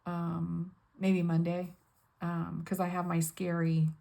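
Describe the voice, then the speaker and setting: An older woman hosting her budgeting vlog, talking in a casual, halting way with many pauses and ums, close to tears. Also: fairly low pitch, completely flat delivery, gravelly, mellow. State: tearful, on the edge of crying. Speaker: budgeting channel host. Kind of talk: casual personal vlog talk.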